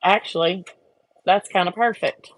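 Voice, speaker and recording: A woman's voice: lowish voice, measured pace, no room sound. A woman chatting casually to viewers while she works on a craft project, getting frustrated and talking to herself. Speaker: craft vlogger. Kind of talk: casual chat while working.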